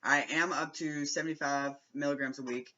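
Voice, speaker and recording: A young man vlogging casually to camera, rambling with lots of fillers, restarts and throat clearing. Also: a little high, steady tone, moderate pace, pushed and bright, dull audio, a little hiss or hum.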